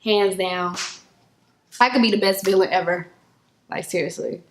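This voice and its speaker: A young woman vlogger, telling stories casually to camera in a slangy, animated way and acting out quotes in high voices. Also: moderate pace, slight background noise. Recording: echoey room.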